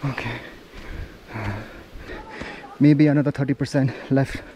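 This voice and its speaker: A man's voice: mid-range voice, level tone, unhurried, mellow. A man talking casually to his camera while hiking outdoors on a mountain trail, out of breath from the climb. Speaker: travel vlogger. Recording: noisy outdoor camera audio.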